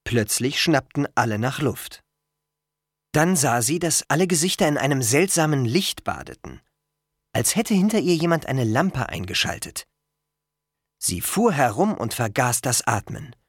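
Slow, measured audiobook narrator. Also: medium pitch, sing-song, slightly rough, no echo, clean studio sound. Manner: measured, storytelling. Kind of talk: scripted narration.

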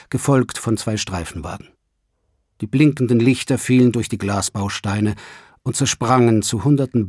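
Male audiobook narrator, low husky voice, dry close recording, measured reading. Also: a little mellow, no echo. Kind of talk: scripted narration.

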